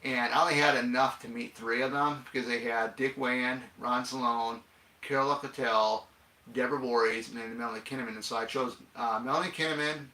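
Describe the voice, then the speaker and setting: A man's voice: medium pitch, fairly even intonation, a little fast, pushed and bright. A man commenting on a film in casual, rambling chat, full of fillers and restarts. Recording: echoey room.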